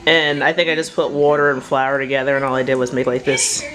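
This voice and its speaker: A young woman chatting casually in her kitchen while feeding her child, rambling and breaking into excited cheers. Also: rumbling low, quick pace, faint music behind. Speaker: home cook and mother. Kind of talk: casual vlog chat.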